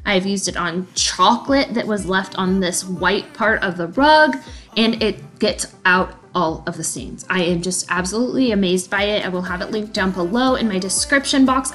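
A woman's voice: medium pitch, moderate pace, a bit bright. A woman in her thirties narrating a cleaning vlog in a chatty, enthusiastic voice-over, laughing now and then. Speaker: cleaning vlogger. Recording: faint background music.

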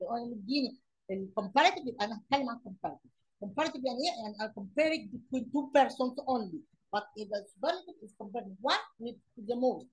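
Fast-talking Egyptian woman teacher. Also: fairly high pitch, husky, poor audio. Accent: Egyptian Arabic. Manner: explains English words in Arabic, asks and answers her own questions. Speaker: English teacher. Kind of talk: classroom lesson explanation.

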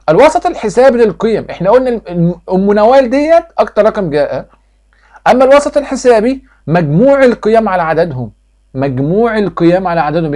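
A man's voice: high voice, a little mellow. A man with an Egyptian accent teaching a math review lesson, firing questions at students and answering them himself, repeating each step like a drill. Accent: Egyptian Arabic. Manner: quizzes students and answers his own questions.

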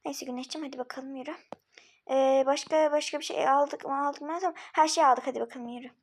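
A woman playing a flustered older sister rushing to get to school, talking to herself and repeating words in a homemade mini-series. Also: high voice, steady tone. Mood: bossy.

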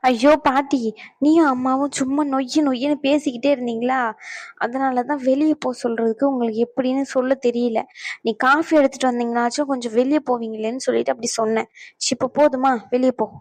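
A woman's voice: high voice, steady tone, fast, darkish tone, dry recording. A woman voicing an unwell, stubborn young granddaughter in a cartoon, exasperated and pleading. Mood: annoyed. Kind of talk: cartoon voice acting.

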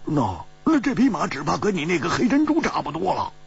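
A man voicing a gruff, hearty male swordsman who mocks his companions, in a storytelling audiobook. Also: sits high, sing-song, a little fast, dull audio, voice pushed up, full character voice. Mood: mocking.

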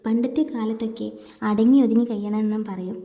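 A woman's voice: fairly high pitch, steady tone, a little fast, warm tone, natural voice. A woman voicing an affectionate middle-aged mother-in-law who talks in a coaxing, doting way, recorded in a roomy space with long reverb. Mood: gentle.

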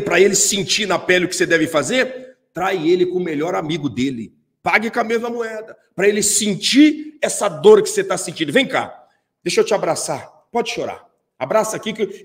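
A man's voice: high voice, fairly bright tone, in a large hall. A preacher voicing a scheming female friend who coaxes a girl toward revenge in a sermon story. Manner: coaxing, insistent.

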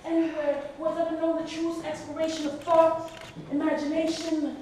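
Woman, Canadian accent, slam poem, very high voice, echoey gallery heard from far off, rhythmic and emphatic. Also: level tone, moderate pace, mellow, slight background noise. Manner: rhythmic, emphatic delivery with surges of intensity. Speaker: slam poet. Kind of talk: spoken word poetry performance. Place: art gallery with seated audience, indoors. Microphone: far camera at the back of the room.

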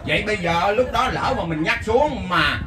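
A man with a Southern Vietnamese accent giving a folksy lay Buddhist sermon, telling stories and chanting verses slowly. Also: high-pitched, expressive. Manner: storytelling, recites verses in a slow chant. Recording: echoey, distant mic, faint hiss.

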